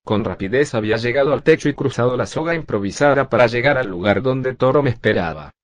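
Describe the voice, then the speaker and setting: Computer guy voice reading a zombie story, steady and even, mid pitch. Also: quick pace, dry recording. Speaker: narrator. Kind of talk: first-person text-to-speech narration.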